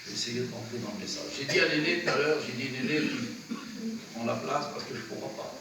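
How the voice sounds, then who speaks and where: In a church, a man with a cold and runny nose preaches a sermon, earnestly exhorting in short phrases at a quick pace and medium pitch. He's recorded from far off in a very echoey, noisy space.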